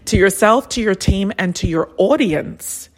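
A woman's voice: mid-range voice, measured pace. A woman in her thirties coaching travel advisors in a chatty, anecdotal podcast talk. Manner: chatty, anecdotal, animated impressions. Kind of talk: solo business podcast talk.

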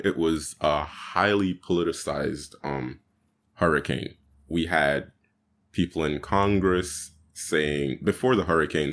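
A young man from Jamaica speaks as an interview guest with an extremely deep voice. He talks earnestly and stops now and then to gather his thoughts. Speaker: guest youth activist. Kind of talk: casual interview talk.

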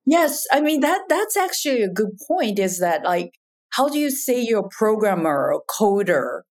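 A woman's voice: medium pitch, very animated, normal speed, a little mellow. A woman from Japan speaking as a podcast guest, talking in a reflective way with frequent "you know" and "in terms of". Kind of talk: casual conversation.

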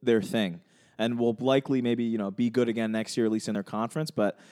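A man's voice: mid-range voice, fairly quick, clear, resonant tone. Chatty young man talking sports. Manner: relaxed, chatty, frequent fillers and restarts. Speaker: podcast co-host. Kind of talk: casual sports chat.

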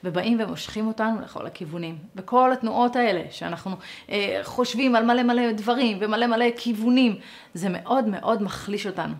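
Animated woman teaching a lesson. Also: medium pitch. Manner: animated, acts out quoted dialogue; conversational, speaks straight to listeners.

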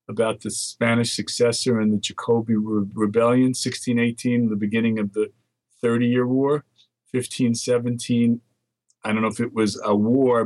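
Here a mid-range, slightly mellow voice belongs to an older man from the Netherlands taking part in a casual market research phone interview, where he reads out long lists of dates. The recording is dry and of poor quality.

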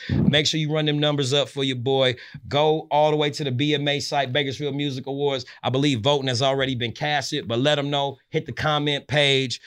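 A man's voice: medium pitch, fairly bright tone. A man, a DJ and radio host talking casually as a podcast guest, using streetwise slang and rhythmic, hype-style self-promotion.

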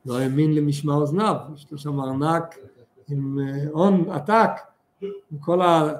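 A man teaching a religious lesson with stories, speaking fervently and stretching words for emphasis. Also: a little high. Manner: animated, fervent, drawn-out emphasis. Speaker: Torah teacher.

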